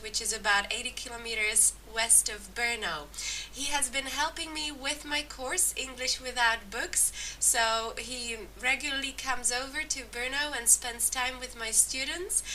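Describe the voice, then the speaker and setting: A woman who teaches English and hosts a video blog, presenting in a clear, measured way and asking interview questions. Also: high voice, sharp tone, distant mic, slight background noise. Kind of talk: scripted intro, then interview questions.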